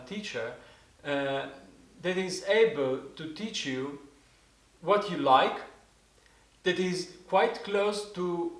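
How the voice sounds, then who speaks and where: Fairly high-pitched and bright, this Italian-accented man in his 40s teaches didgeridoo in an informal spoken lesson. He frequently stops and starts over while searching for the right English words, and the room adds noticeable reverb.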